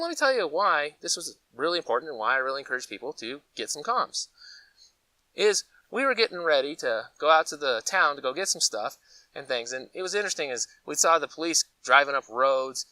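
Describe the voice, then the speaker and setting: A preparedness gear channel host from Colorado, United States, rambles casually in his vlog, with animated, folksy, conversational storytelling and acted-out asides. His pitch is fairly high. The poor audio, free of echo, was recorded from a distance.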